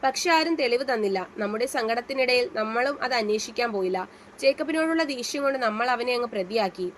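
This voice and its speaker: Woman doing a soft wise old granny, consoling, storybook. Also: fairly high pitch, lively intonation, brisk, a little hiss or hum, natural voice. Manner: gentle, consoling. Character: elderly grandmother, gentle and wise.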